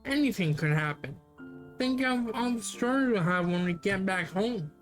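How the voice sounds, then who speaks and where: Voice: mid-range voice, animated, normal speed, faint music behind. Sarcastic streamer reading a game aloud. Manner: sarcastic, swears and mutters asides. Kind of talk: live game read-through with commentary.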